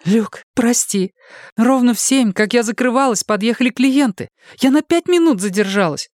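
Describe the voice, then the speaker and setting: A man's voice: very high voice, animated, moderate pace, dry recording, studio quality, pitched above the performer's own voice. A man voicing a frightened young wife who pleads tearfully. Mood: pleading.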